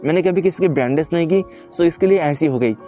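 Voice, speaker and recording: A man's voice: fairly high pitch, brisk, warm tone, faint music behind, lightly acted. A man voicing a timid, panicky young woman who pleads and apologizes, without changing his own voice much. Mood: apologetic. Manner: pleading, fearful, then apologetic.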